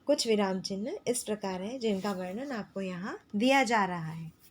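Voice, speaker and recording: A woman teacher explaining grammar to schoolchildren, slow and patient, repeating key phrases. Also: medium pitch, slightly rough. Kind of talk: classroom lesson explaining grammar.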